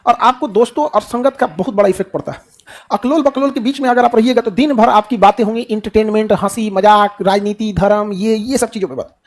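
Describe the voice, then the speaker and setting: A man's voice: high voice, fairly quick. A middle-aged man with a Bihari Hindi accent giving a motivational speech to students, asking rhetorical questions and answering them himself, joking in a colloquial way.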